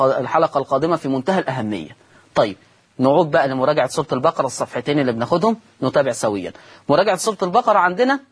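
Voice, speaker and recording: A man's voice: on the high side, breathy edge. A man with an Egyptian accent teaching Quran recitation on a broadcast lesson, drawing out recited words and quizzing his listeners. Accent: Egyptian Arabic.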